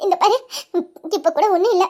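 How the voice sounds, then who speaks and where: A caring young woman who soothes and coaxes a crying girl, as a woman acts her out in an audio drama. Her voice is very high and quick. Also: warm tone. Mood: comforting. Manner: soothing, coaxing.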